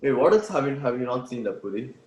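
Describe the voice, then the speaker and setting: Male co-host, young adult, Tamil-accented Indian English, rapid conversational delivery, echoing recording. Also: medium pitch, expressive, a little mellow. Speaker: podcast co-host. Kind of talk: casual podcast chat. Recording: roomy, echoing podcast recording.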